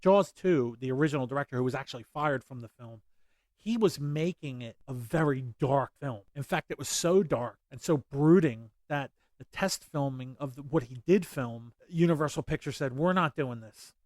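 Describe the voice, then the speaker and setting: A man's voice: mid-range voice, moderate pace, darkish tone, dry recording. A man hosting a casual movie commentary, rambling with many fillers and restarts. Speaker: podcast host.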